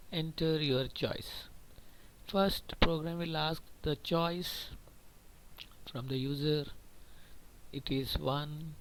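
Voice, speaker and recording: A man teaches a programming class at a slow, unhurried pace. His voice sits a little high for a man. He explains patiently and repeats key points. A faint hiss runs underneath. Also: low-quality recording. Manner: patient, repetitive explaining with frequent "okay". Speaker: computer teacher. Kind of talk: screen-recorded programming lesson.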